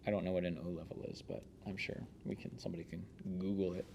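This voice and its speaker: A man's voice: low voice, quick pace, vocal fry, a little hiss or hum. A man hosting a podcast, reading a memoir aloud and then chatting casually with restarts and fillers. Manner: relaxed, rambling, with frequent fillers and restarts. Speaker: podcast host.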